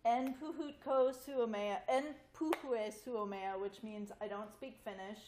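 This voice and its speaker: An American woman in her forties, a guest speaker, tells family stories informally to a group in a large wood-paneled community hall. Her voice is fairly high and a little slow, with heavy background noise and a roomy hall echo.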